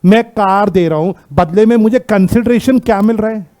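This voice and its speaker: A man with an Indian accent teaching a classroom law lecture, constantly quizzing students with rhetorical questions and reading out English text slowly. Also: high-pitched, darkish tone.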